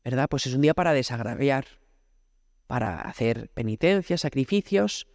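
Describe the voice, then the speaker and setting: A man's voice: mid-range voice, lively intonation, moderate pace, darkish tone, no room sound, studio quality. A man from Spain, a priest, giving a conversational prayer homily, often asking rhetorical questions and speaking directly to God. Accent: Spanish from Spain.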